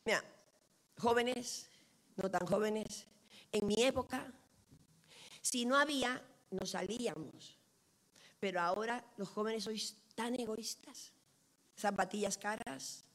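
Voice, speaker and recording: A middle-aged woman preaching from a pulpit. Her voice keeps a moderate pitch. She tells stories animatedly and acts out each quoted line. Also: slow, pauses often. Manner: animated storytelling, lively quoted dialogue. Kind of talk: sermon.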